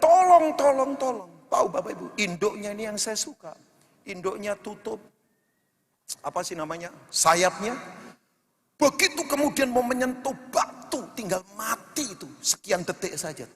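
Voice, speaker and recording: Male pastor, animated preacher, high bright voice, long church-hall reverb. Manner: animated, shifts between shouting and hushed storytelling. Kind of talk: sermon.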